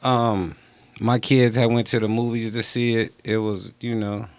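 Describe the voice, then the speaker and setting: A man's voice: medium pitch, level tone, measured pace, no room sound. Laid-back man hosting a livestream. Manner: laid-back, slangy, asks questions. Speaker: livestream host. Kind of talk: casual livestream chat.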